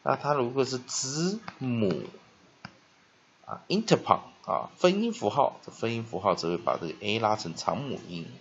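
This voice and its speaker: A man teaching English pronunciation, breaking words into syllables slowly and reading text aloud in a steady, deliberate way. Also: medium pitch, lo-fi sound, slight background noise. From Taiwan. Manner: drills words slowly syllable by syllable, then reads aloud loudly. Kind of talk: spelling and pronunciation lesson.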